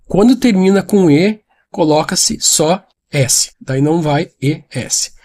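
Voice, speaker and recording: Teaching English online, a man speaks in a high yet soft, mellow voice without any edge. He is animated but slow, patiently repeating each point and speaking straight to the viewer.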